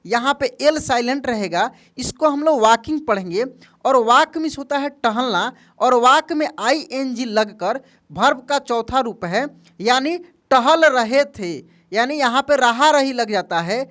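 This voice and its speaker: High-voiced man teaching a spelling lesson. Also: a bit bright. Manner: asks quiz questions and answers them himself, calling listeners "my friend"; spells words out letter by letter. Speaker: English teacher. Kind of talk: spoken language lesson.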